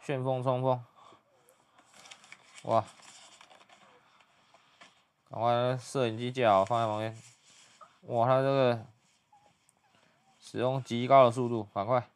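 A young man giving hushed, muttered play-by-play commentary as he reacts to a video. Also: medium pitch, flat delivery, slow, pauses often, clear, resonant tone.

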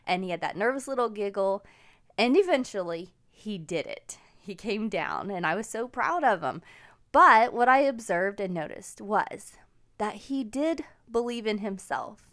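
A woman's voice: mid-range voice, animated, a little slow, a bit bright. Woman, 40s, podcast host, casual storytelling, upbeat, encouraging.

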